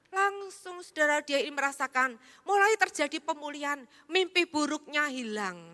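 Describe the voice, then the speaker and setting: High bright-voiced woman pastor preaching. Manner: emphatic preaching, shifting between hushed and loud. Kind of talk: sermon. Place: large church hall. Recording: echoey church hall.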